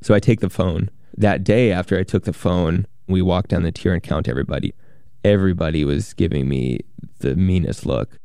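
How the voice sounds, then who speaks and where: A man with a deep voice and a gravelly fry tells a first-person documentary story. He is measured and plain-spoken, recorded close and dry. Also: dark tone, no room sound. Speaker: journalist who worked as a prison guard.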